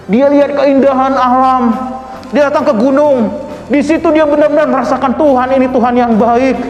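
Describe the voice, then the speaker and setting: A man with a very high voice preaches in a lively, chatty way. His words ring out in a big hall with a long echo. Soft music plays faintly behind him. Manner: lively, conversational preaching with playful imitations. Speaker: pastor. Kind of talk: sermon.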